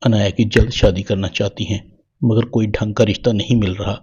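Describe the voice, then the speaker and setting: Young wife character, read by a guy, husky low voice, lo-fi. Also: fairly even intonation, a little mellow. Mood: plain. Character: young married woman, the elder sister.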